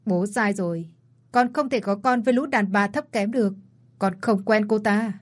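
A woman's voice: mid-range voice, moderate pace, lightly acted. A woman voicing a cold, arrogant rich young man who speaks curtly in a storybook reading. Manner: curt and cold.

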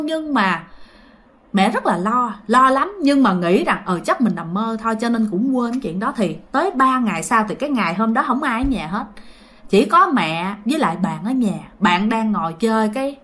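A woman's voice: fairly high pitch, a bit bright. A woman with a Southern Vietnamese accent telling a story casually, chatty and digressive, correcting herself and talking straight to her listeners.

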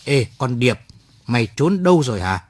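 A man voicing a gruff young male soldier who barks his words roughly in a read-aloud story. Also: mid-range voice, big pitch swings, normal speed, dry recording, studio quality. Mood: harsh. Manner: barking, rough-spoken.

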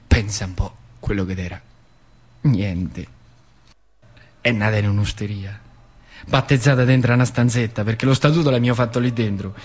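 An actor and storyteller from northern Lazio, with a central Italian accent and a fairly low, husky voice, performs a lively theatre monologue in colloquial working-class dialect. He repeats phrases for emphasis, with music playing behind him.

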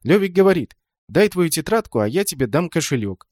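A man's voice: fairly high pitch, big pitch swings, a little fast, a little mellow, no room sound, clean studio sound, pitched above the performer's own voice. A man voicing a small, bewildered boy who earnestly tries to explain.

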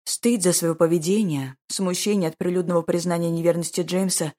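A woman narrates an audiobook slowly and expressively. Her voice is low and husky, with a measured delivery. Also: fairly even intonation, mellow.

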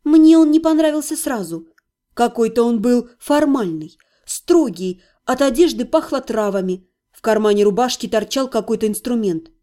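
A woman narrating a fantasy audiobook in the first person, expressive and dramatic. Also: a little high, normal speed.

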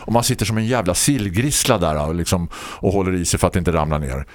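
A man hosting a casual chat, telling a story in a lively way and laughing often. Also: dry recording, studio quality. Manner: animated, laughing storyteller with big swings in pitch. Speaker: host.

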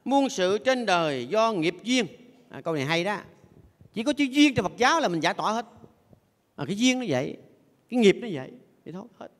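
A man's voice: high voice, very animated, quick pace, long pauses, a bit bright. An older man, a Buddhist monk giving a playful sermon who has his audience repeat phrases after him. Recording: long echoey hall reverb.

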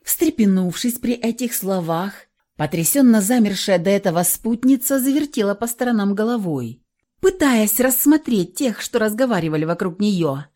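Expressive woman reading a fairy tale. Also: medium pitch, normal speed. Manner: expressive, storytelling. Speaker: audiobook narrator. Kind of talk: expressive audiobook narration.

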